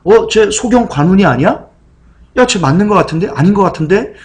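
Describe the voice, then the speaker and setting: A crowd of astonished villagers bursts out in high, excited questions, as a preacher acts them out. They are disbelieving and animated. Their voices jump far above ordinary speech. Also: male voice, brisk.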